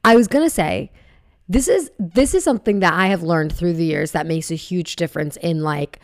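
A young woman co-hosting a podcast in casual, rambling chat, her voice low and gravelly with plenty of vocal fry. She talks into a podcast microphone, and the sound is close and dry with no room around it. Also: moderate pace, no echo. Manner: relaxed, rambling, many fillers. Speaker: podcast co-host.

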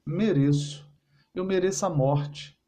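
A man voicing an unfaithful wife, cold and quiet, answering with calm firmness. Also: on the high side, slow. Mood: firm. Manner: quiet, firm, resigned.

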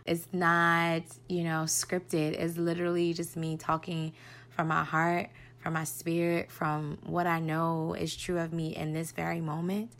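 A woman's voice: low voice, completely flat delivery, unhurried, a bit bright. A woman in her thirties recording a heartfelt voice note as a podcast listener, talking reflectively about her own healing. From United States. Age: 30s. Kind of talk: voice note message.

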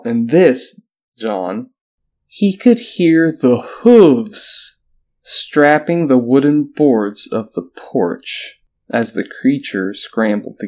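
A man's voice: mid-range voice, darkish tone. Man reading a creepy tale aloud. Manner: reads an article aloud, breaking off for joking asides. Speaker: podcast host. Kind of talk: casual podcast chat, reading a story aloud.

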